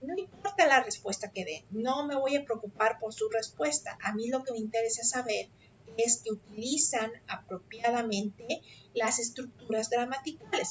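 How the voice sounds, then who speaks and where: A woman teaching an online English class, explaining an assignment patiently and often checking understanding with a quick "ok?". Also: fairly high pitch, fairly bright tone, slight background noise. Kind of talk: explaining an assignment on a video call. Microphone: computer mic on a video call. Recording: dull lo-fi video call audio.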